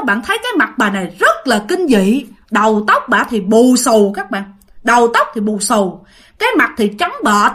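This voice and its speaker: A woman spins a ghost story in a chatty, conversational style, repeating phrases and calling out to her listeners. Her voice is high and very lively, leaping up and down in pitch. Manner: animated, repetitive, addresses listeners directly.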